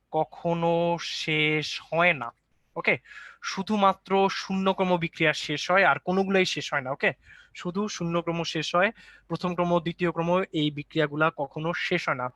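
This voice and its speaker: Bright, chatty Bangladeshi chemistry tutor man. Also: fairly high pitch, dry recording. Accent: Bangladeshi Bengali. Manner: chatty, mixes English terms, repeats points. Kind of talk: live online lecture.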